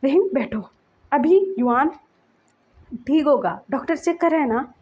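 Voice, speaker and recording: Woman doing a panicky young dad, stammers, high-pitched, muffled home recording. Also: lively intonation, a little slow, a little mellow. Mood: soothing. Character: frantic young father rushing to his child.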